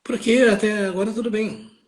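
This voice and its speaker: A man's voice: high voice, fairly even intonation, brisk. Man on a glitching video-call line. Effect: glitching, dropping internet audio. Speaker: pastor and guest professor. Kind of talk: casual chat on a video call.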